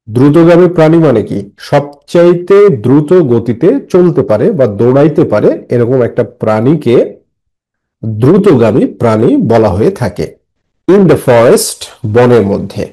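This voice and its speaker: A man's voice: medium pitch, dark tone, rough recording. A man teaching an English lesson to young students, reading a story line by line and translating and repeating each phrase patiently. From Bangladesh.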